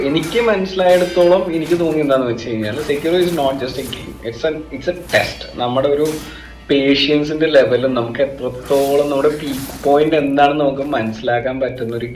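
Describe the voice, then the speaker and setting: A man's voice: mid-range voice, fairly even intonation, moderate pace, darkish tone. A man with a Malayali accent giving a casual video-game guide, mixing in English and talking informally in short, hesitant phrases. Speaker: gaming YouTuber. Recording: echoey room with music behind. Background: background music.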